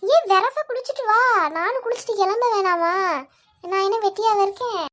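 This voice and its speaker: A woman's voice: very high voice, fairly quick. A woman voicing a put-upon young wife in a cartoon, complaining and grumbling. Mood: annoyed. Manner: complaining, meek toward husband. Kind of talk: cartoon voice acting.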